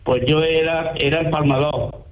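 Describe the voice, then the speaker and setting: A man's voice: a little high, steady tone, normal speed. An Andalusian man in his eighties calling into a radio show, rambling and repeating himself as he tells his story. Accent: Andalusian Spanish. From Córdoba province, Spain. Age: 80s. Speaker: caller. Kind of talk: phone-in chat on the radio. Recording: muffled phone line.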